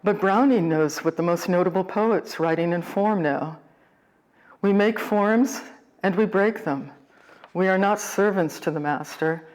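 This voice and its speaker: Measured woman lecturing on poetry. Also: lowish voice, darkish tone. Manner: measured, deliberate, reflective. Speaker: poet and series host.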